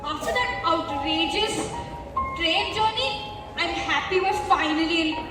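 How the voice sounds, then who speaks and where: A woman's voice: very high-pitched, measured pace. A female student playing a spirited young princess in a school stage play. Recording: echoey hall from far off, music.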